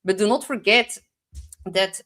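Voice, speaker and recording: This astrologer host, a young woman with a Dutch accent, speaks a little slowly in a mid-range voice that sounds pushed and bright. Her forecast is casual and rambling, packed with "like," and she occasionally searches for English words.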